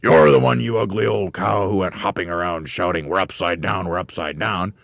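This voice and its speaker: A man voicing a nasty, dim-witted old husband in a blustering, shouty storybook voice. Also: low voice, steady tone, moderate pace, creaky, no echo, studio quality. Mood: spiteful.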